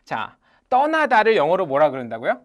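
Energetic teacher running English drills. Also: medium pitch, fairly quick. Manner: energetic, calls out drills and repeats phrases loudly. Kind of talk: live English lesson with class drills. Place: lecture room with a live audience.

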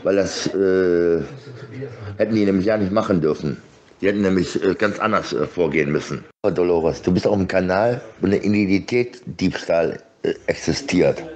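Speaking low, this middle-aged man chats loosely into a phone pressed near his face. His talk comes in broken, hesitant bits, and he keeps repeating words.

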